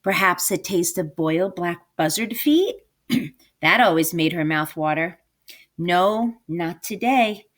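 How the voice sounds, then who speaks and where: In an expressive read-aloud, a woman teacher brings a storybook to life for children with dramatic emphasis, coaxing them with questions as she goes. She speaks slowly, in a voice on the low side.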